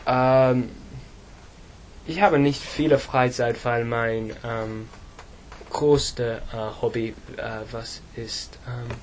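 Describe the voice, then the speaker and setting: A teenage boy from England, an English speaker practising German, answering slowly with many fillers and pauses. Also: medium pitch, fairly even intonation, slight background noise. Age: teens. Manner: halting, slow, many fillers. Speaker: student.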